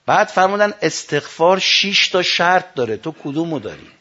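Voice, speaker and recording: A man preaching a sermon, telling stories and quoting sayings, rising to loud emphatic lines and dropping to hushed quotes. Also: a little high, big pitch swings. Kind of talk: religious sermon with storytelling. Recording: dull lo-fi recording.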